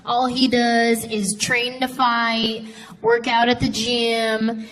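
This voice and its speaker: A young woman performing a stand-up comedy set, telling stories in an animated way and shouting out voices. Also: fairly high pitch, slow, low-quality recording. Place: comedy stage before a laughing audience. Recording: live stage audio with crowd noise.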